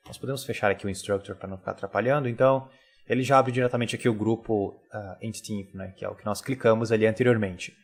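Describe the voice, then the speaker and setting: A man, teaching a software tutorial over a screen recording in a relaxed, casual way full of tag questions. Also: on the low side, quick pace.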